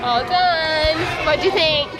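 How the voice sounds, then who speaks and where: A woman's voice: high-pitched, takes it slowly, low-quality recording. A young woman chatting casually as a mother in a family vlog, talking to the camera and to her children. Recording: loud music and crowd noise behind.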